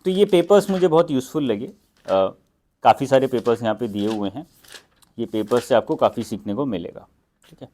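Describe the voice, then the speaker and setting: A man's voice: medium pitch, lively intonation, normal speed, long pauses, warm tone. Indian man giving casual exam-prep advice. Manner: conversational, mixes English phrases into Hindi, frequent fillers. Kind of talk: casual instructional talk.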